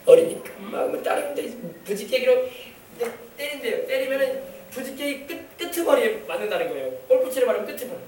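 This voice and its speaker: Faint music sits behind a male pastor preaching in a church sanctuary, fast and animated, with a high, bright voice. He emphasizes his points, calls out to the congregation and acts out family scenes, heard echoey from a distant mic.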